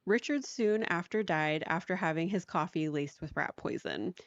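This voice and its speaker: Laughing frequently and peppering her speech with "like," a woman co-hosting a podcast tells a story in a relaxed, chatty manner. She speaks at a normal speed in a lower-leaning voice. The audio is dry and has a dull, lo-fi quality.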